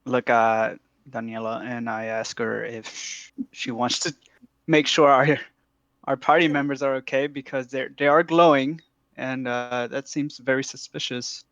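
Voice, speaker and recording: Gravelly guy stammering thru his character moves, dry close mic. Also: mid-range voice, little pitch movement, fairly bright tone, dry recording, muffled recording. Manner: halting, stammering, laughs often. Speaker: player. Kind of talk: tabletop role-play, describing his character.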